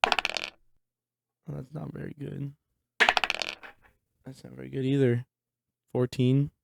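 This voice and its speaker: A man's voice: mid-range voice, flat delivery, slow pace, vocal fry, very noisy. A man playing a tabletop game, playful and joking. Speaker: player. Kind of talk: casual game talk.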